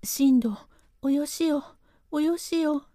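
Woman voicing reproachful young maid, mellow and dry. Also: high voice, a little slow, no room sound. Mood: frightened. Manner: reproachful, protesting. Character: young female servant, frightened and protesting.

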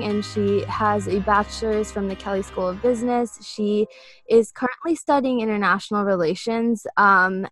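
A woman hosting an interview show, upbeat and encouraging, often filling pauses with "um" and "mm-hmm". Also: medium pitch, no room sound. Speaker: podcast host. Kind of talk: casual interview.

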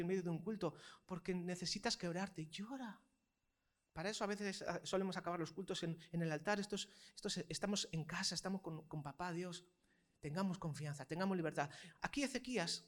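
A man preaching to his congregation in a notably high voice. He builds his points by repeating phrases and throwing rhetorical questions to the room, swinging between loud stresses and soft asides. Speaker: pastor. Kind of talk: sermon.

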